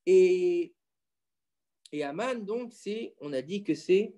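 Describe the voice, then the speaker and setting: A fairly high-voiced man teaching his children at home. He talks in an animated, insistent way, keeps firing questions at them and holds the floor. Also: slow. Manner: animated, quizzing listeners with questions. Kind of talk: casual Torah lesson at home.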